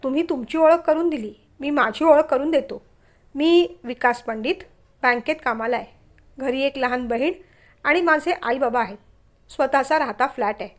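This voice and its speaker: A prickly young bank clerk, as a woman storyteller puts him on, talks in a stiff, lecturing way and gets irritated fast. The voice stays high, the same light storybook voice as the narration. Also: lightly acted. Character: young man, bank clerk, touchy suitor.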